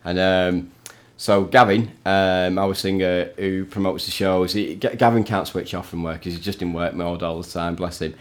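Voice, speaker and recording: A man with a fairly low voice tells a long, casual story from his time in a tribute band. He rambles along chattily and laughs often as he talks. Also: little pitch movement, moderate pace, few pauses. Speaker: guest, tribute band musician. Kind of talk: casual anecdote telling.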